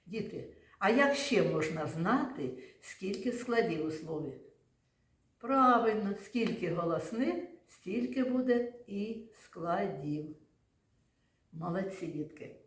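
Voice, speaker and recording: A woman's voice: mid-range voice, lively intonation, takes it slowly. A woman teaching a lesson to young children in a classroom, patient and coaxing, often praising them. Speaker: primary school teacher. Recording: echoey classroom.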